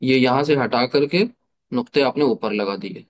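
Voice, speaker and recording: A man's voice: medium pitch, moderate pace. A man teaching an online class, explaining step by step, asking rhetorical questions and mixing English terms into his explanations. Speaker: Arabic teacher.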